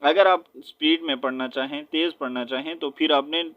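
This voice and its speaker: A man teaching Quran recitation step by step, spelling out letters with their vowel marks and often checking in with his listeners, then chanting verses slowly. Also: fairly high pitch, fairly even intonation, lo-fi sound. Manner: switches between quick explanation and slow drawn-out chanted recitation.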